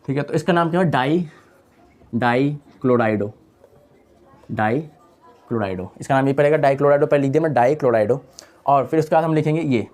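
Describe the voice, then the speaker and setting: A man's voice: a little high, fairly even intonation, very fast, a little mellow. A young man teaching a chemistry lesson in a casual style, repeating key terms and asking and answering his own questions. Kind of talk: online lecture.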